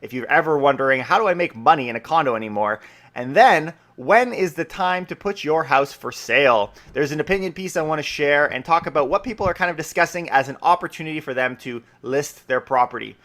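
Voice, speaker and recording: An upbeat man from Canada with a Canadian accent, his voice sitting a touch higher than most men's. He hosts his own daily podcast as a real estate broker, talking alone to listeners in a chatty way and slipping in casual asides. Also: animated, brisk, fairly bright tone. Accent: Canadian English. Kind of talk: solo daily podcast monologue.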